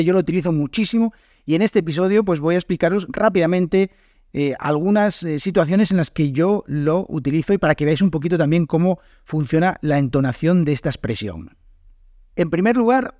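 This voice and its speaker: A man's voice: fairly high pitch, mellow, no room sound, clean studio sound. A man from Spain with a Spain Spanish accent, hosting a podcast lesson in a chatty way and acting out example phrases. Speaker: podcast host and Spanish teacher.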